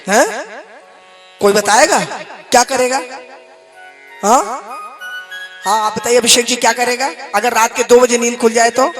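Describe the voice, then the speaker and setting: In a hall before a seated audience, a man gives a devotional sermon, moving from speech into slow, melodic chanting of Sanskrit verses and putting questions to his listeners. His voice is very high-pitched and somewhat bright.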